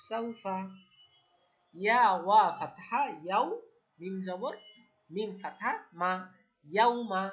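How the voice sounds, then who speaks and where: A woman drills Arabic syllables at a very slow, deliberate pace, sounding out each letter before joining them into words. Her voice sits at a middle pitch. The recording is dull and lo-fi. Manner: spells out syllables, then asks listeners to repeat. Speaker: Quran recitation teacher.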